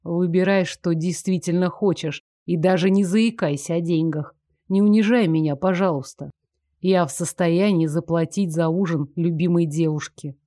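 A woman voicing a self-assured nobleman who speaks low and unhurried, with dry close sound. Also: fairly even intonation, mellow, no echo, natural voice. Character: calm self-assured nobleman, gently commanding. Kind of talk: audiobook character voice.

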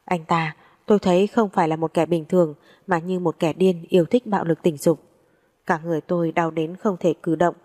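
A woman telling a first-person story in a steady, measured reading. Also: fairly low pitch.

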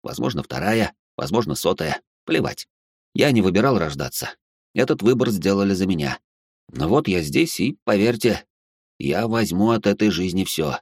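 A man's voice: low voice, big pitch swings, normal speed, creaky, breathy edge, no echo, studio quality. A man narrating a first-person audiobook with a sardonic, swearing inner voice.

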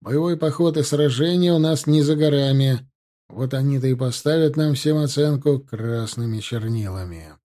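Narrator doing a gruff old-hand cavalry officer, grumbly, dark voice. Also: male voice, medium pitch, moderate pace, natural voice. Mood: earnest. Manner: grumbling, earnest.

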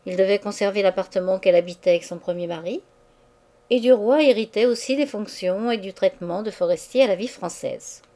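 A woman narrating a classic novel as an audiobook reader. Her reading is measured and expressive, shaping each phrase with care. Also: medium pitch.

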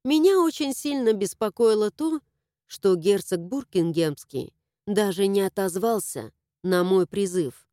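A woman narrating a first-person audiobook in a lively, expressive way, close to the mic. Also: medium pitch, measured pace, dry recording.

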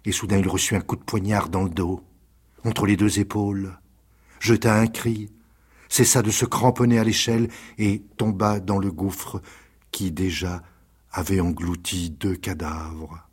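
A man reading aloud a dark serial novel in a measured, dramatic storytelling voice. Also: low-pitched, steady tone, slightly rough. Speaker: reader. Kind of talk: scripted dramatic narration.

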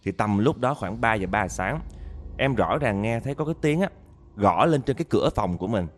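A man's voice: on the low side, expressive, fairly quick. A man narrating a listener's ghost story, talking straight to his audience with dramatic storytelling.

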